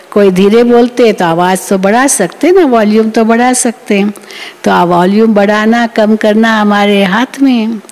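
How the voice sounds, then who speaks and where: A woman preaches with a fairly high voice that carries a long hall reverb. She tells her points as stories and slips into the voices of the people she quotes. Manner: animated storytelling, acts out quoted people. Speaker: spiritual teacher. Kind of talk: sermon explaining a spiritual discourse.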